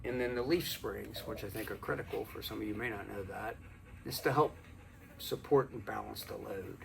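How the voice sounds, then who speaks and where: Low, gravelly, unhurried middle-aged man. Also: low-quality recording. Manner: calm, mellow and unhurried; folksy, plain-spoken. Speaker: video host and teacher. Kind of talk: casual motivational talk to camera. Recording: some background noise.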